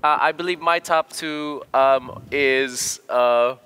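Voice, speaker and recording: A man's voice: medium pitch, slow, pushed and bright, clean tone. A young man co-hosting a gaming show, chatting playfully and laughing with viewers and his co-host. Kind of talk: casual chat.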